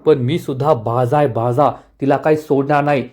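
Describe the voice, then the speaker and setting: A woman's voice: very deep voice, steady tone, moderate pace, darkish tone. A man voicing a scheming, proud older matriarch who speaks spitefully.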